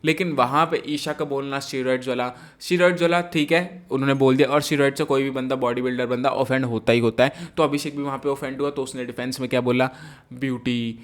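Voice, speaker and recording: A man's voice: mid-range voice, steady tone, fast, few pauses. A man giving a heated, indignant review of a reality show episode, dropping English phrases into his talk. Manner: mixes English phrases into Hindi. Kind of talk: casual review commentary.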